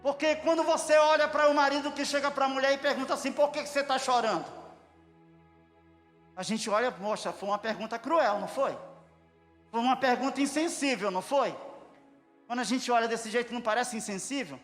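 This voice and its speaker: A man preaching an impassioned sermon, bursting into shouted praise. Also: very high voice, fairly quick. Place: church hall. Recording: echoey church hall with music.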